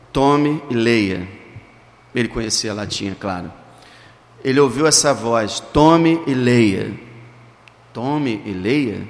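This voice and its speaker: Sex: man. Role: pastor. Style: emphatic sermon. Pitch: fairly high. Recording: long church reverb. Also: a bit bright. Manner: emphatic, dramatic storytelling with slowed stresses.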